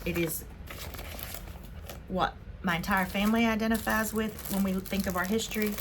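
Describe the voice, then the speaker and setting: A woman from Spain hosting a casual haul vlog, chatting excitedly as she unboxes her purchases. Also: mid-range voice, normal speed, background noise. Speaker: vlog host.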